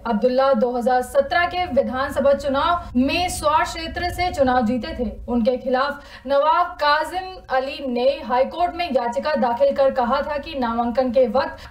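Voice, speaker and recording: High-voiced woman reading the news. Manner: brisk, even bulletin delivery. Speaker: news anchor. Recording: echoey room, distant mic.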